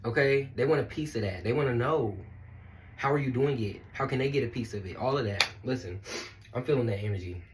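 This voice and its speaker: A man speaking as a spiritual life coach in a casual motivational monologue, animated and slangy, swearing and laughing often. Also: mid-range voice, a little fast, a little hiss or hum.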